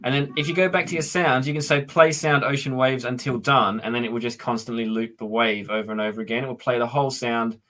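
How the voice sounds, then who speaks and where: A man's voice: mid-range voice, steady tone, fast, few pauses, sharp tone. A man hosting a casual live coding stream, explaining steps in an easygoing way with lots of fillers.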